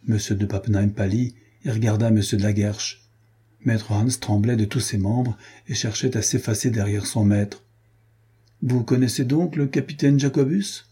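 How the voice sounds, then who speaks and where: Low, husky-voiced man for historical novel narration; dark tone, even pacing. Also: moderate pace. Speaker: audiobook narrator.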